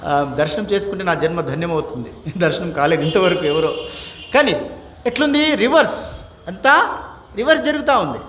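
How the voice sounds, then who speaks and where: A swami with a high voice gives a spiritual discourse and keeps questioning his listeners. Now and then he slowly chants a verse, and English words slip into his talk. The sound is roomy and echoey, with a faint hiss behind it. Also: expressive, fairly bright tone. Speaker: swami teaching the Gita. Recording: echoey room, faint background noise.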